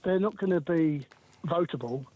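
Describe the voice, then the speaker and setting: A man's voice: a little high, moderate pace, no room sound, narrow, tinny audio. A man in his sixties from England, calling in to a phone-in show and talking hesitantly with many ums and restarts. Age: 60s. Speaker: caller. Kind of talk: phone-in call.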